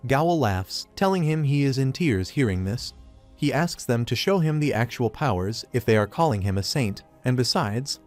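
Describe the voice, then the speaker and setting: A man narrating a comic recap in a steady, even storytelling voice. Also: mid-range voice. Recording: faint music behind.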